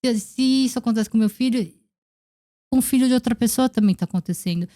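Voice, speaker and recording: A woman's voice: a little high, quick pace, dark tone. A woman with a Brazilian Portuguese accent, a podcast guest in her thirties, reflecting in casual conversation and acting out the people in her stories. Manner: reflective storytelling, acting out quoted dialogue.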